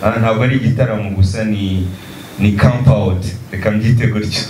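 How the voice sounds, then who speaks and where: A man from Rwanda, an organizer, answering press questions in a relaxed way with fillers. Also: fairly low pitch, a little fast. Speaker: concert organizer. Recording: distant mic, echoey, noisy.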